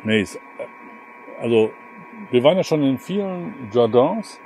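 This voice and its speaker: Strolling through gardens and town streets, this man in his fifties vlogs about his travels, joking casually and colloquially to a camera at arm's length. He speaks a little slowly in a dark, medium-pitched voice with lively intonation. The rough recording picks up outdoor ambient noise.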